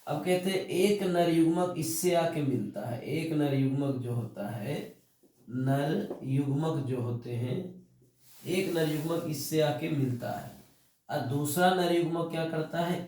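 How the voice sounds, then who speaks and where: Male biology teacher, higher voice, drills terms by repetition, very echoey room. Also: mellow. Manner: repeats key terms slowly, asks and answers own questions. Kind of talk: classroom lecture, dictating notes. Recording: echoey room, mic at a distance.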